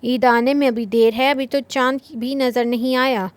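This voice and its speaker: A woman narrator voicing a dramatic young heroine who pouts and complains playfully. The voice is high and dry, recorded close. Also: fairly even intonation, normal speed, no room sound, lightly acted. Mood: pouting.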